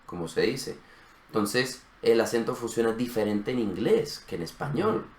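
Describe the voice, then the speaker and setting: A man co-hosting a language lesson, explaining step by step in casual conversation and often checking in with a quick question. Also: medium pitch, expressive, darkish tone. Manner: methodical, checks in with frequent "¿sí?". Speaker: co-host of a language channel. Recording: roomy echo.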